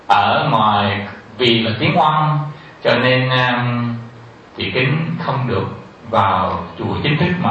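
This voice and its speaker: A male Buddhist teacher telling a story during a dharma talk, halting with many filler sounds and turning to ask his listeners questions. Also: medium pitch, a bit bright, slight background noise. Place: temple hall in the US. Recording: very echoey hall, far from the mic, dull sound.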